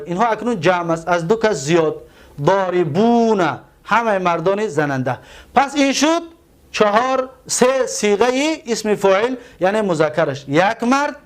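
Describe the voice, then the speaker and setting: A man with a Tajik accent teaches a grammar lesson in a fairly high voice. He drags out key terms and repeats them. He poses questions to his students and then answers them himself. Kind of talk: classroom lesson.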